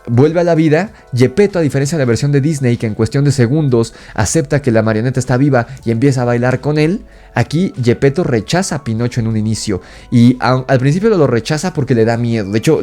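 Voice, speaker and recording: Animated Mexican man reviewing films. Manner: enthusiastic, animated, rises in pitch when indignant. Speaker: film reviewer. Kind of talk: casual film review.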